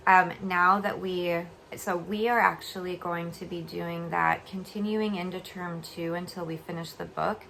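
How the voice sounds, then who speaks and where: A woman's voice: fairly low pitch, steady tone, a little slow, creaky, few pauses, pushed and bright, a little hiss or hum, poor audio. A young adult woman chatting casually in a giggly, rambling vlog style, her speech slightly slurred and funny from a swollen mouth after oral surgery. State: recovering from oral surgery, talking a bit funny. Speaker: homeschool vlogger. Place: bed at home.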